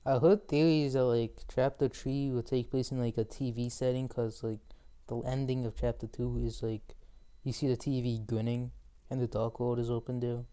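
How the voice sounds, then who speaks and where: A man's voice: mid-range voice, flat delivery, moderate pace, mellow, clear, resonant tone. A man hosting a casual podcast, rambling hesitantly with lots of ums and likes and laughing easily. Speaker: podcast host.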